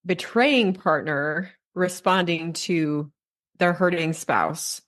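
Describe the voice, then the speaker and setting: A woman hosting a podcast, gently framing questions for her guest in a measured way. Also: on the low side. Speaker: podcast host. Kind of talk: interviewing a guest.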